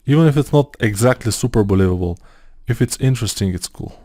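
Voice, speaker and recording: This man talks fast in a medium-pitched, expressive, mellow voice. He has a Bulgarian accent, isn't a native English speaker, and thinks aloud with hesitant fillers as he works through a screen-recorded 3D modeling tutorial. The studio recording is clean, with no echo.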